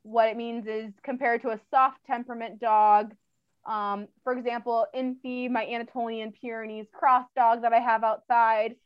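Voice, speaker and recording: Chatty woman, a little high-pitched. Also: level tone, moderate pace, clean tone, no room sound, dull audio. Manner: chatty, frequent fillers, laughs often. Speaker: interview guest, dog trainer. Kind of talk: casual interview chat.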